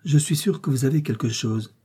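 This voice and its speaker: A man's voice: mid-range voice, a little fast, warm tone, husky, close to an everyday voice. A man voicing an anxious, affectionate young woman who speaks in an urgent, pleading way.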